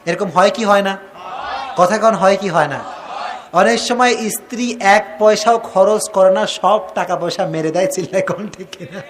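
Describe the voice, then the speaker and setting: A man with a high voice preaches a rousing sermon, over a faint background hiss. He shouts questions at his crowd, acts out bickering spouses, and slips English phrases into his speech. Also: unhurried. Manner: calls out questions to the crowd, demands loud replies; acts out husband and wife in quoted dialogue. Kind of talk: Bangla waz sermon to a crowd.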